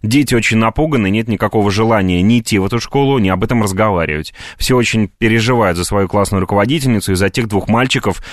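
Lowish male reporter doing a live news report, stumbles with lots of uhs, dry sound. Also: fast talker, hardly any pauses, dry recording. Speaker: radio news correspondent.

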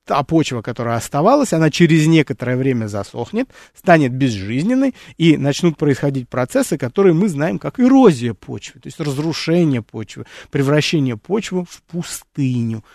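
A man's voice: on the high side, big pitch swings, normal speed, gravelly, hardly any pauses, a little mellow, dry recording, studio quality. A man hosting an educational nature series, talking unscripted with frequent fillers, restarts and rhetorical questions, and calling his listeners friends.

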